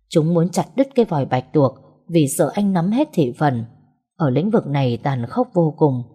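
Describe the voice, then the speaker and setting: Low, husky-voiced woman narrating. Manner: steady storytelling. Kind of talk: audiobook story narration.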